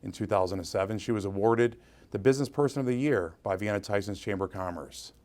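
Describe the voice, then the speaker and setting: Man presenting an award, somewhat low voice, earnest prepared tribute. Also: quick pace, darkish tone. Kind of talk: reading a tribute speech.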